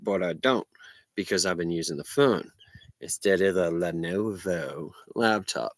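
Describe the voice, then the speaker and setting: A man's voice: low voice, a little slow, dry recording. An American man, stoned, rambles casually on a livestream in a meandering, slangy stoner manner. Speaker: livestream vlogger.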